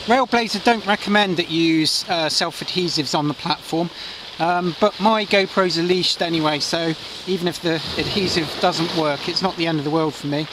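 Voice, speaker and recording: Loud wind and crashing surf fill this distant-mic recording of a middle-aged kayak angler doing a casual gear review on a pebble beach. He talks at a moderate pace in a fairly high voice, explaining step by step with frequent fillers.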